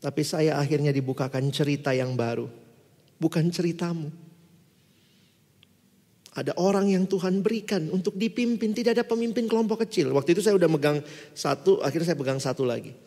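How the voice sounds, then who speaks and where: A middle-aged man preaching a sermon, telling stories with lively acted-out quotes. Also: on the high side, brisk. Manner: storytelling, acts out quoted voices. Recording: long hall reverb.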